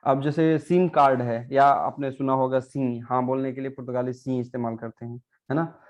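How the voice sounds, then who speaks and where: A man's voice: medium pitch, level tone, a little mellow. A man teaching a pronunciation lesson, patient and repetitive, often checking in with his students. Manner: patient, repeats words slowly and adds frequent "है ना" checks. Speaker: Portuguese language teacher.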